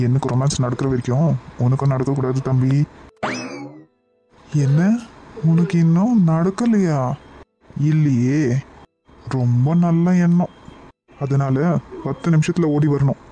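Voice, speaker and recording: A man's voice: mid-range voice, warm tone, lightly acted, rough recording. A man voicing a playful young man about to marry in a cartoon, teasing his friend.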